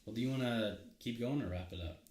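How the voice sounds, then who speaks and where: A man co-hosting a podcast, telling a story in casual chat, animated and laughing often. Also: medium pitch, quick pace. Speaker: podcast co-host. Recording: echoey room.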